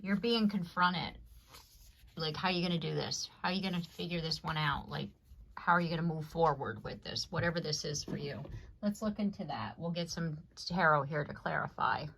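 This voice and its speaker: A woman with a low, gravelly voice and a fairly bright tone gives a casual collective tarot reading to camera at a moderate pace. She rambles conversationally, often checking in with "you know what I mean." There's a little hiss or hum in the audio.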